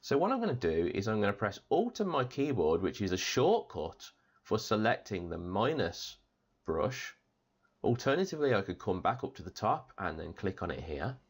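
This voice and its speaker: A man hosting a step-by-step software tutorial, chatty and upbeat, his voice strained after an operation. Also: fairly low pitch, big pitch swings, normal speed, husky. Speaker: tutorial host.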